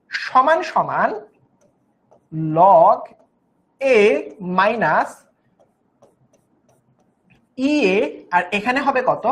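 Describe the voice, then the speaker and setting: A young woman giving an online chemistry class, patiently repeating each step and coaxing her students along. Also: on the high side. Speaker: chemistry teacher.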